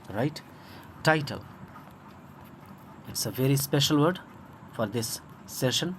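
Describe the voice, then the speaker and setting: A man's voice: mid-range voice, a little hiss or hum. A man with an Indian accent teaching English vocabulary in an online lesson, spelling words letter by letter and repeating pronunciations patiently. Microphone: phone screen recording.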